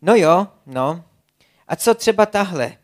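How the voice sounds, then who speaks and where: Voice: mid-range voice, animated, close to an everyday voice. Narrator does a playful, giggly female otter for a kids' storybook; bouncy and eager. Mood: giddy. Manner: giggly, eager joke-teller.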